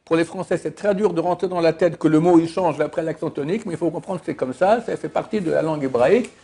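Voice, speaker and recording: Emphatic rabbi, fairly high voice. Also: male voice, fast talker, mellow, breathy edge. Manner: emphatic, repeats Hebrew words to stress the syllable; stumbles and restarts often. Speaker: rabbi teaching a class. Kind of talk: religious lesson.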